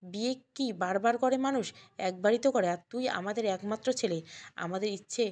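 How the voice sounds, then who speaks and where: A woman voicing a kind, affectionate middle-aged mother-in-law in an audio story, speaking softly and scolding fondly. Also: medium pitch, a little fast, lightly acted. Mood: gentle. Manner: soft, gentle, scolding fondly. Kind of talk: Bengali audio story dialogue.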